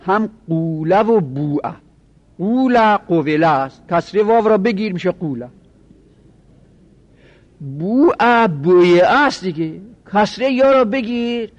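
A teacher from Lorestan talks through grammar in his Luri Persian accent, his voice sitting noticeably high for a man. He lectures steadily, going over each example more than once and pausing to make sure the class is keeping up. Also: dry recording, muffled recording. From Lorestan, Iran. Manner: explains patiently, repeats each example, often checks the class follows.

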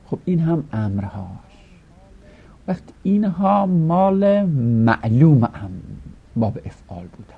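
Man chanting grammar drills, gravelly voice. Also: mid-range voice. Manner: rhythmic, chanting recitation of conjugations. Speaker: teacher. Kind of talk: Arabic grammar lesson, reciting verb forms. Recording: dull lo-fi recording.

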